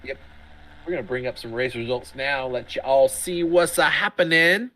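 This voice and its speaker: A middle-aged man giving chatty, excitable sim racing commentary, often laughing. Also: mid-range voice, normal speed. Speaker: race commentator.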